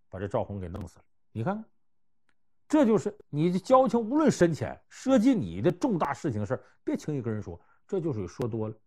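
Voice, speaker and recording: A man telling historical and everyday anecdotes to give life advice, conversational and animated, swinging between loud and hushed. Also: mid-range voice. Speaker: storyteller giving life advice. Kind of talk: anecdotal storytelling talk.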